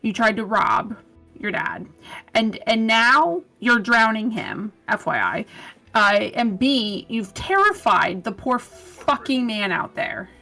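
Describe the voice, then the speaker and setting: A woman's voice: a little high, animated, slow pace, sharp tone, soft background music. A woman playing a tabletop game, blunt and sarcastic as she scolds another character. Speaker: player.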